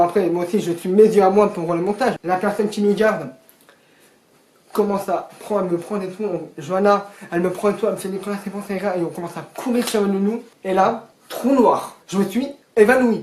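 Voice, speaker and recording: A teenage boy casually telling a storytime vlog, rambling and animated with joking asides to viewers. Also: high voice, fairly quick. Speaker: storyteller vlogger. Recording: echoey room.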